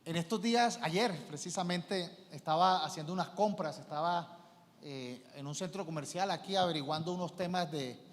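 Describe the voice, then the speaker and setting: A man's voice: fairly high pitch, normal speed. A male pastor preaching a sermon emphatically, with rhetorical questions and acted-out quotes. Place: church sanctuary. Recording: long church reverb.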